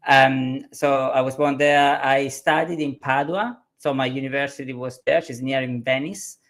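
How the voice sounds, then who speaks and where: A man in his forties from southern Italy with an Italian accent, a consultant telling his story as a webinar guest in a thoughtful, unhurried way. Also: medium pitch, fairly even intonation, fairly bright tone. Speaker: consultant and author. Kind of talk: guest interview on a live webinar.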